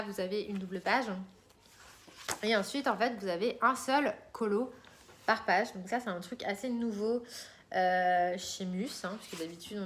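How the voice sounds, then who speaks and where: A woman's voice: medium pitch, fairly bright tone, slight background noise. A woman vlogger chatting casually about her coloring purchases, rambling with many fillers and restarts. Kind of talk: casual chat showing purchases.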